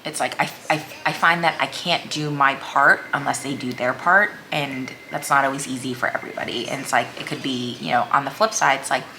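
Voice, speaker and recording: A woman's voice: extremely low pitch, fairly even intonation, a little fast, few pauses, bright, forceful tone, a little hiss or hum. A woman chats casually over a meal, rambling hesitantly and leaning on "like" as a filler. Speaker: vlogger. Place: small room at home, indoors.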